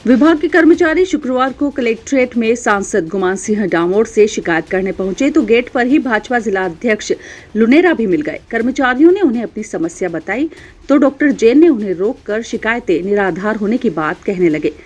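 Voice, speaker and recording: A woman reading a local news bulletin in a formal, even voice. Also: on the high side, normal speed. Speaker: news reader. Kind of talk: scripted news narration.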